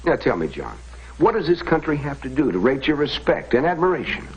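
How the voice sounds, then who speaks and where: An actor playing an earnest modern professor, explaining and questioning in a scripted educational drama. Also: male voice, medium pitch, huge pitch swings, brisk, breathy edge, exaggerated voice, low-quality recording. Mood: earnest, explanatory.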